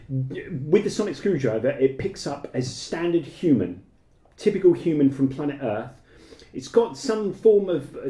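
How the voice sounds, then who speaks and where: A man's voice: on the high side, dark tone. A man running a tabletop game as game master, describing scenes and calling for dice rolls. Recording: echoey room.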